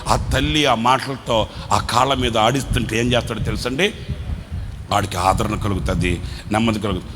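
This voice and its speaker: A man preaching a sermon as pastor, swinging between shouted refrains and hushed low asides and calling out questions to the congregation. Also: fairly even intonation, normal speed. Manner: questions the congregation and calls for responses. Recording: reverberant hall with faint background noise.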